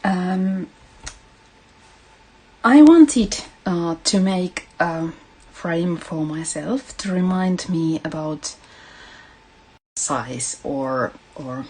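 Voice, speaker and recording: A woman with a Finnish accent leads a casual craft livestream in a low-pitched voice. She talks very slowly and gently, pausing and hesitating as she addresses her viewers. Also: expressive, breathy edge, poor audio. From Finland. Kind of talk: casual live craft tutorial.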